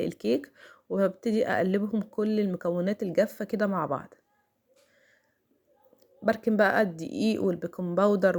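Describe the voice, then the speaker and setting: A woman's voice: medium pitch, darkish tone. A middle-aged woman with an Egyptian accent narrating a home routine vlog, chatty and full of fillers, talking straight to her viewers. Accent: Egyptian Arabic. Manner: chatty, many fillers, talks to viewers directly. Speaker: home vlogger. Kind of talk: casual voice-over vlog narration.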